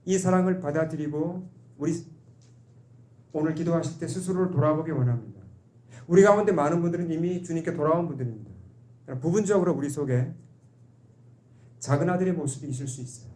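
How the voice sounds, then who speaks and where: A pastor delivers a sermon in a church, his voice sitting fairly high for a man. He asks the congregation questions and acts out the voices he quotes. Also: quick pace, long pauses, darkish tone.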